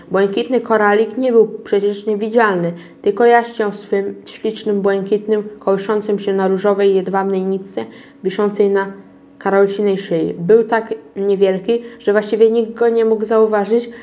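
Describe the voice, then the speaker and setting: A woman reads a children's book aloud in a warm, mid-range voice that moves little in pitch, at a normal speed. The reading is unpolished, and she often stumbles over words and starts them again.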